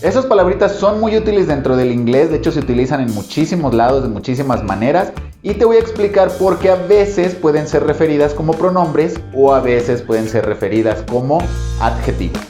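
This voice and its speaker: A man, an English teacher giving a patient video lesson and repeating examples slowly. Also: fairly high pitch, lively intonation, dark tone, faint music behind. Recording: roomy, slightly dull sound.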